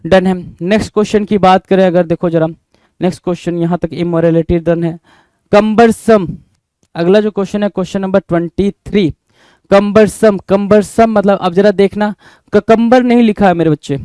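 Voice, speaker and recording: A man's voice: high-pitched, fairly even intonation, moderate pace, mellow, smooth, no echo. A young man teaching English vocabulary for exams, spelling words out letter by letter and asking and answering his own questions. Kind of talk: exam-prep vocabulary lesson.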